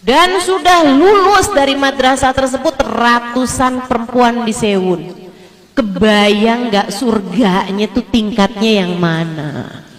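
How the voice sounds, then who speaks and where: A middle-aged woman giving a religious lecture, playful and animated, often mimicking others in a high voice. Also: slow, long reverb tail. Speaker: preacher.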